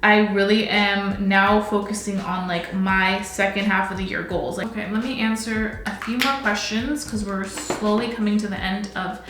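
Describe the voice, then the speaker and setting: A woman's voice: medium pitch, steady tone, normal speed, few pauses, noisy background. A woman in her twenties chatting casually while doing her makeup, filling her talk with "like" all the time. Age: 20s. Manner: chatty, fills with "like" constantly. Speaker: beauty vlogger. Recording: very echoey room.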